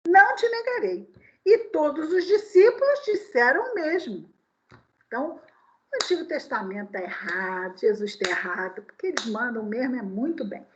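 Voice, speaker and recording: A woman's voice: fairly high pitch, normal speed. A woman lecturing at a spiritist meeting, telling stories and asking her listeners rhetorical questions. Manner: animated storyteller, full of rhetorical questions. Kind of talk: sermon-style talk with personal anecdotes. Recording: dull lo-fi recording.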